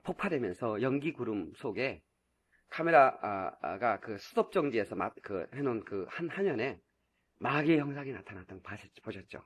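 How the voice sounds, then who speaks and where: With a lowish voice, a male pastor preaches fervently, swinging from quiet asides to loud shouted peaks and chuckling often as he makes his points.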